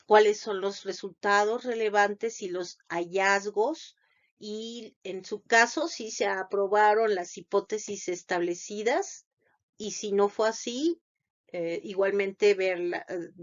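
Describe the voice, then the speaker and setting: Woman lecturer, slow delivery, halting with fillers, muffled lo-fi audio. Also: medium pitch. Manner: halting, many fillers and restarts. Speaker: lecturer on thesis defense. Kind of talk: unscripted lecture. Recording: dull lo-fi sound.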